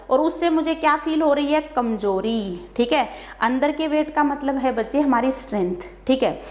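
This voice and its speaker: Haryana lady teacher going over words slowly, echoey classroom sound. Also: sits high, darkish tone, muffled recording. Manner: explains patiently, checks with "clear?". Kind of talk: vocabulary lesson.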